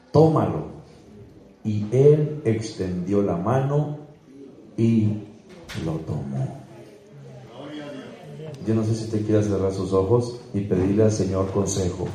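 A man preaching as pastor, with dramatic swings in pitch and pace, praying fervently. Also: mellow. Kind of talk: sermon. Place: church. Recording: echoey church hall.

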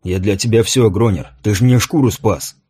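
A man's voice: on the low side, normal speed, dark tone, slightly rough. A man voicing a loyal, plain-spoken palace guard sergeant who talks in a coaxing, colloquial way. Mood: earnest.

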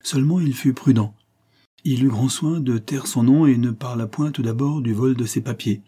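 A man narrating a classic novel in a steady, measured audiobook reading. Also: mid-range voice, breathy edge.

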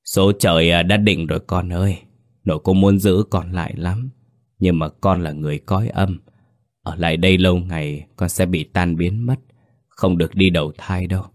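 A man's voice: low voice, fairly even intonation, normal speed, dry recording, lightly acted. A man voicing a frail, grieving old grandfather who pleads and soothes. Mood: tender. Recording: dry voice with faint music.

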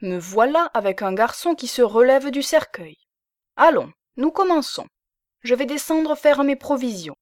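A woman's voice: sits high, lively intonation, unhurried, no room sound, voice pushed up. Stern, jealous spinster, read by a woman; firm, dry delivery. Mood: brisk. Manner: firm, bargaining, possessive. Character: poor proud spinster, older woman, jealous and domineering.

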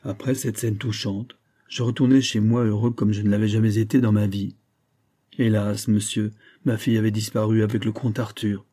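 An old gunsmith worn down by grief tells his own sad story, as a man reads him. His voice is very dark and mellow, with a husky edge, and he speaks in an emotional, confiding way, like a character in a spoken storybook. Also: on the low side, flat delivery, normal speed, lightly acted. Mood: sorrowful. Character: grieving old Genevan gunsmith, tender, despairing.

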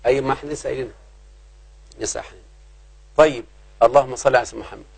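A man's voice: medium pitch, fairly even intonation, racing, gravelly, slightly rough, low-quality recording. A man with an Egyptian Arabic accent explaining grammar to his pupils, checking again and again whether they have understood. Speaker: grammar teacher.

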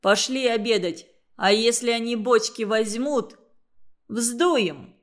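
A woman's voice: on the high side, takes it slowly. A woman voicing a confident, bossy young boy who speaks assertively.

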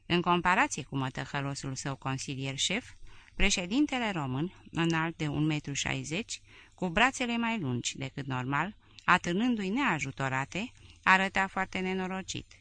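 A woman reading a memoir aloud in a measured, clearly articulated narration. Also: fairly low pitch, animated, fairly bright tone. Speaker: audiobook reader.

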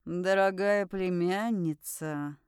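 A woman's voice: lowish voice, steady tone, slow pace, clear, resonant tone, dry recording, studio quality, pitched below the performer's own voice. A woman voicing a sugary, spiteful middle-aged noble uncle who speaks through clenched teeth, in an audiobook. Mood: sugary menace.

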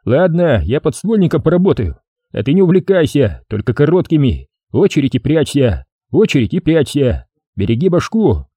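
A man voicing a cocky male riot-police fighter who talks in a gruff, mocking, swearing way. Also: a little high, very animated, moderate pace, dark tone, no echo, pitched above the performer's own voice. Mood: approving.

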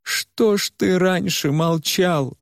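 A man voicing a frantic young woman trapped in a withered old body, pleading in a high, strained voice. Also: slow, creaky, dry recording, studio quality, exaggerated voice. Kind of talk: audiobook character voice.

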